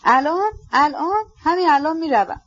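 A woman's voice: a little high, expressive, lo-fi sound. A woman reading aloud, voicing a feverish, sick young man who speaks urgently and pleadingly.

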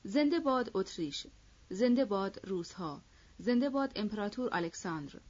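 A woman voicing a cheerful, friendly young male cavalry officer in an audiobook, speaking with a bright, brotherly warmth. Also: medium pitch, animated, muffled recording, natural voice. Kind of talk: audiobook character voice.

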